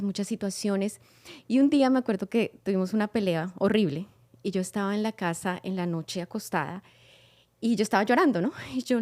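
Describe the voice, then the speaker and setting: Lady telling her story, kinda mellow voice, dry sound, acts out what she said back then. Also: medium pitch, no echo. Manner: lively storytelling, acts out her own past words. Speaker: guest. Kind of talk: personal testimony.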